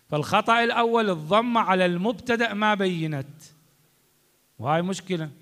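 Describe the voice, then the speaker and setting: A man's voice: high-pitched, pushed and bright. A man with an Iraqi accent giving a religious lesson on prayer, emphatic, repeating and acting out pronunciations. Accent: Iraqi Arabic. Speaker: religious teacher. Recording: long reverb of a large hall.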